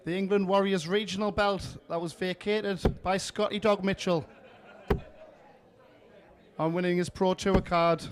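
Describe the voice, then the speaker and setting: A man's voice: high voice, steady tone, a little slow, pauses often. A man giving live darts commentary in short, punchy, admiring phrases.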